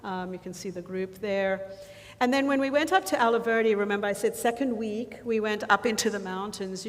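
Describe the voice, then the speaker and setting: A woman presenting a mission trip slideshow to a church congregation, chatty and full of ums, often losing her thread and starting over. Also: mid-range voice. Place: church sanctuary. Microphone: handheld or lapel mic. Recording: reverberant church hall, faint noise.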